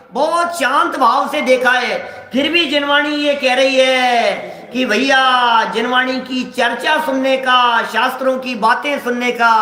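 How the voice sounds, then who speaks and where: A man's voice: extremely high pitch, bright, forceful tone, roomy sound. A man giving a scripture discourse to a live audience, asking rhetorical questions and acting out everyday examples. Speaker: scripture lecturer.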